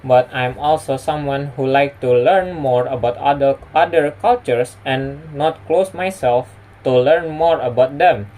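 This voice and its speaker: A young adult man speaks English with an Indonesian accent, as a native speaker of Indonesian and Minang. His voice sits at a middle pitch. He delivers a prepared personal talk in the way of a student presenting to camera. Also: a little slow, darkish tone, rough recording. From West Sumatra, Indonesia.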